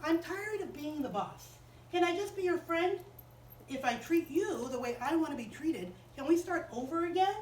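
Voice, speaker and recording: This is a bossy, spoiled preschool girl, put on by a woman storyteller. She is defiant and boastful in a high voice. The voice sits far from the mic in an echoey room. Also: expressive, normal speed, a little mellow, slight background noise. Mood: sorry.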